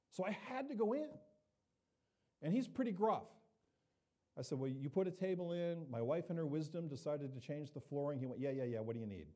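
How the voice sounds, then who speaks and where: A middle-aged man delivers a sermon, drifting easily from teaching into a humorous personal story and playing every character in it. His voice is warm and mellow, a little higher than most men's, and it swings widely in pitch as he talks. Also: slightly rough. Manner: conversational, humorous, acts out quoted voices. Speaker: pastor.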